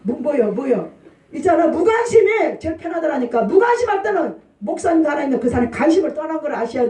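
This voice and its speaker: High-voiced woman pastor preaching. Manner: lively call-and-response preaching, asks congregation. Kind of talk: sermon. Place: church sanctuary. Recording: roomy church hall, distant mic.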